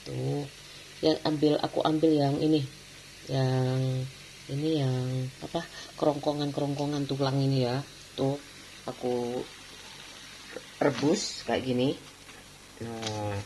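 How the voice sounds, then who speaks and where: A woman's voice: rumbling low, steady tone, slow, pauses often, background noise. A woman chatting casually in her home vlog, laughing often. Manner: chatty, laughs often, mixes in Javanese words. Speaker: vlogger.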